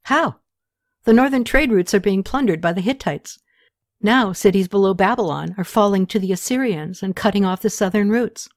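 A woman voicing an imperious, hot-tempered ancient queen who fires off sharp demands. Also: mid-range voice, moderate pace, natural voice. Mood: commanding.

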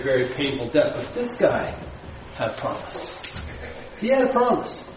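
A man's voice: on the high side, a little mellow, a little hiss or hum. A man preaching a sermon as pastor to a congregation, asking them questions and building emphasis. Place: church sanctuary. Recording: dull, very echoey hall from far off.

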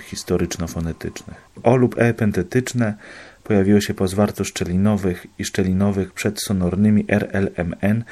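Low, husky man; student walking peers through examples methodically, lesson style. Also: dark tone. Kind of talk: explanatory lesson.

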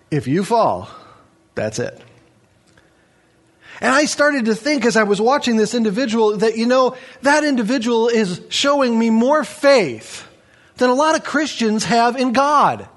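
A man with a fairly high voice preaches a sermon. He tells stories with lively, swinging intonation and sinks to low, hushed tones for emphasis. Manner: animated storytelling with big pitch swings; drops to low, quiet emphasis. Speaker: pastor.

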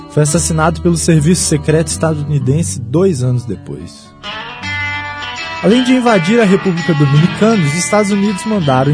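High-pitched Brazilian man narrating over music. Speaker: narrator and host. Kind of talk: scripted history narration for a music show.

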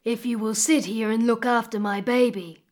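A woman voicing a low rumbling mother crocodile. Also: steady tone, normal speed, natural voice. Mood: gentle. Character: low-voiced magical mother crocodile, stern but kind.

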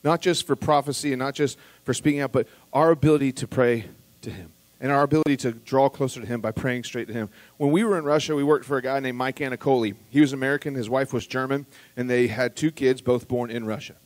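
Preaching to his congregation, this man speaks earnestly and conversationally, swelling to emphatic moments and then easing back down, with restarts and side remarks to the people listening. His mid-range voice keeps a fairly even intonation, moving quickly with few pauses, and there's no room sound.

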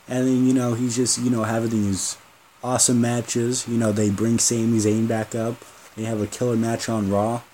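A man's voice: medium pitch, level tone, moderate pace, mellow, a little hiss or hum, low-quality recording. A man hosting a solo podcast, rambling and joking with lots of swearing. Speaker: podcast host. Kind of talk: casual solo podcast rant.

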